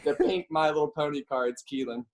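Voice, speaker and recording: Relaxed man chatting over a video call. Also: on the high side, a little fast. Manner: relaxed, rambling, many fillers and restarts. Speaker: race car driver, interview guest. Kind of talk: casual video-call interview from home. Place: at home with his children nearby.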